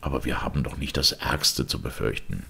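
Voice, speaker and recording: A man's voice: rumbling low, a little fast, creaky, sharp tone, slightly rough, heavily acted. A man voicing a resolute, middle-aged male lawyer in an audiobook, speaking firmly and emphatically. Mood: earnest. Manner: firm and emphatic. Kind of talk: audiobook character reading.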